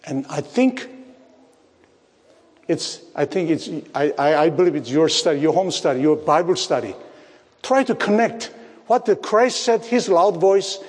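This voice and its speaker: A man preaching a sermon, speaking slowly, repeating phrases and asking his listeners rhetorical questions. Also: on the high side, lively intonation, a little mellow. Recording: long hall reverb.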